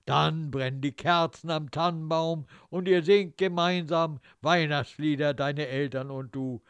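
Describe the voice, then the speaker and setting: A man narrating a literary story in a wry, expressive way, slipping into the thoughts of the characters. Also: a little high, unhurried, smooth, dry recording, clean studio sound.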